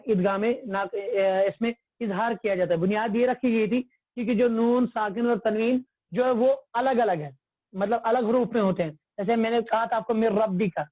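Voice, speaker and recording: A tajweed teacher with a high-pitched voice leads an online religious class over tinny phone audio, patiently repeating things and quizzing the class. There's no echo, and he speaks through a phone or computer mic on a video call.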